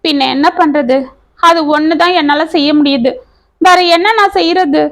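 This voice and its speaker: A woman voicing a gentle, anxious young woman. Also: high voice, moderate pace.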